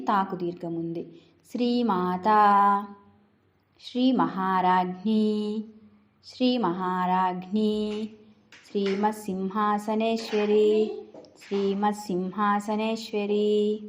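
A woman teaching a devotional chant step by step, splitting each name into parts and then repeating it slowly and deliberately. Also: mid-range voice, a little mellow. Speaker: recitation teacher. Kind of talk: slow step-by-step chanting lesson.

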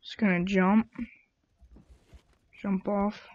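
A woman's voice: medium pitch, flat delivery, extremely slow, a little mellow. A woman giving chatty, exasperated running commentary over her own gameplay. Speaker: gamer. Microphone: own desk mic. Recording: dull lo-fi home mic.

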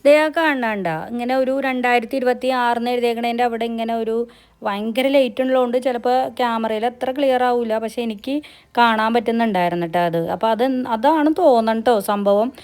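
A woman's voice: fairly high pitch, fairly quick, a little mellow, soft background music. A woman from Kerala with a Kerala Malayalam accent narrates a casual travel vlog, chatty and mixing English words into her Malayalam. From Kerala, India. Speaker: travel vlogger.

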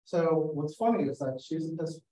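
A photographer appearing as a guest speaker tells stories over a video call while showing slides, sharing anecdotes and acting out other people's quotes. His voice is fairly high and dark-toned, and he speaks at a moderate pace. He sits away from the mic, so the sound is roomy and distant.

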